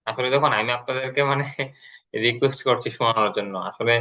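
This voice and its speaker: A man teaching an online English class, explaining slowly and repeating words as he goes. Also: mid-range voice, fairly even intonation, bright, forceful tone, rough recording.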